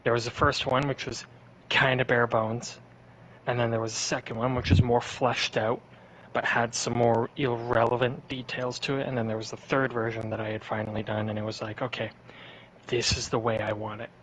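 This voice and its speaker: A man's voice: mid-range voice, level tone, normal speed, fairly bright tone, a little hiss or hum, rough recording. A man guest on a podcast, telling stories in a rambling, laid-back casual way. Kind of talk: casual chat.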